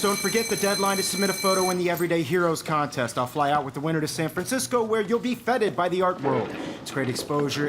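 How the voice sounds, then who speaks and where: An actor playing a smooth, charming adult male photography teacher in a video game. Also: fairly high pitch, noisy background. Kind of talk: game voice acting.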